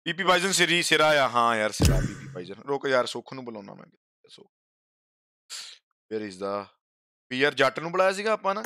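A man's voice: medium pitch, big pitch swings, moderate pace, pauses often, pushed and bright, no room sound, clean studio sound. A man with a Punjabi accent chatting casually and boisterously as a game livestream host, full of slangy banter and swearing. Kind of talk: casual gameplay livestream chat.

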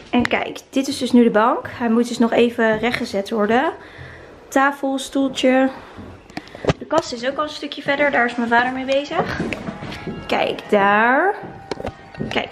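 A young woman in her twenties vlogs casually while holding the camera close to her face in an empty new apartment. Her voice is a little high, and the recording quality is low.

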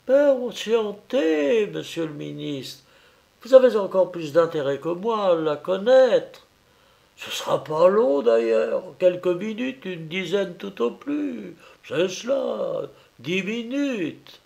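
A man's voice: sits high, expressive, slow pace, gravelly, darkish tone, pitched above the performer's own voice, exaggerated voice. A man putting on a sly, mocking old cop. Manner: ironic, taunting. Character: sly mocking older male police agent.

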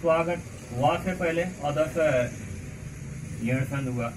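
A man teaching a grammar lesson in a coaching class, slowly repeating words and asking the class questions. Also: on the high side. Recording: far from mic with faint background noise.

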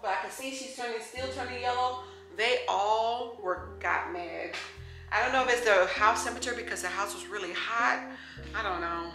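A woman's voice: on the high side, sharp tone. A woman in her thirties from New York, chatting casually to camera in her home kitchen as a lifestyle vlogger, upbeat and talking straight to her viewers. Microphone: camera close on the counter. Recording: echoey kitchen with faint music.

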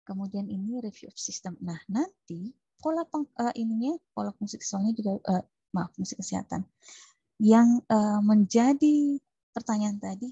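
A woman's voice: medium pitch, vocal fry, husky, no echo, muffled recording. A woman nursing lecturer teaching a class, taking student answers and acting out short patient and nurse exchanges. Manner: lively, acts out patient and nurse dialogues.

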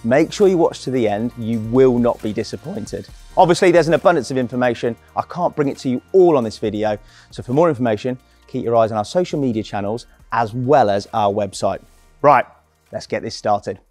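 A man's voice: medium pitch, expressive, fairly quick, a little mellow, soft background music. A young man gives an upbeat, colloquial product walk-through at a trade show, speaking into a lapel mic. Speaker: product presenter. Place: large indoor trade show hall.

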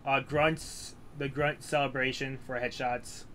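A man's voice: medium pitch, little pitch movement, unhurried, bright, forceful tone, slight background noise. A man hosting a gaming video, chatting casually and rambling with fillers while he plays. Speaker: gameplay channel host.

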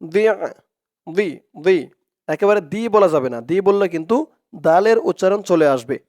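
A man teaching Quran reading, chanting words slowly and drawn out, then explaining quickly in between. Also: high-pitched, lively intonation, darkish tone. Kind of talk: slow recitation drills with quick explanations.

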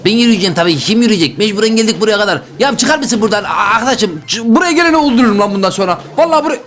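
A man giving excitable gameplay commentary as a YouTuber, often exclaiming and yelling. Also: high voice, very fast, a little hiss or hum. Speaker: gaming YouTuber.

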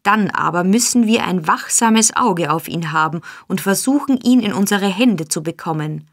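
A woman's voice: mid-range voice, moderate pace. Woman reading a sly, coaxing old gang boss. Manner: coaxing, flattering. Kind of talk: audiobook character reading.

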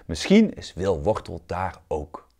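A man's voice: low-pitched, huge pitch swings, slow pace, gravelly, warm tone, husky, exaggerated voice. A man voicing a flamboyant, theatrical apple who paints, in a read-aloud children's storybook.

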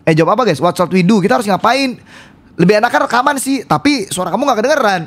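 A man streaming a horror game, talking loudly and rowdily to his chat and swearing often. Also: sits high, lively intonation, quick pace. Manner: loud, rowdy, swearing, addresses chat constantly. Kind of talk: live-stream gameplay commentary.

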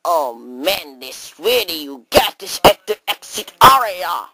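A woman's voice: fairly low pitch, big pitch swings, slow pace, sharp tone, slightly rough, dry recording, poor audio. A woman acting out an improvised comedy skit in broken English, full of exclamations and sudden switches of voice.

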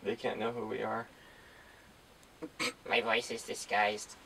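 A man putting on a lowered, disguised voice in a mock-secretive way during a joking chat while filming. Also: flat delivery, takes it slowly, vocal fry, a bit bright, heavily acted. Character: disguised deep-voiced man hiding his identity. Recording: faint noise, distant from mic.

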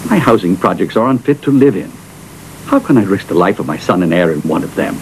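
A man's voice: sits low, sing-song, fast talker, a little hiss or hum, low-quality recording. An actor playing a haughty, scornful rich aristocratic father in a dubbed film, speaking in a pompous, sneering manner. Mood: condescending. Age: middle-aged. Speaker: wealthy father.

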